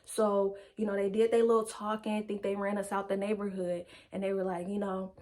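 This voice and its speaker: A young woman casually telling a personal story, slangy and animated, acting out what people said. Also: mid-range voice, brisk. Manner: animated, slangy, acts out quotes.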